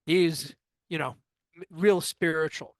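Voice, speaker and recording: Man in his fifties, fairly high voice, dry close sound, animated storyteller, interview guest. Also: measured pace, no echo. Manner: animated anecdotal storyteller who acts out quoted dialogue.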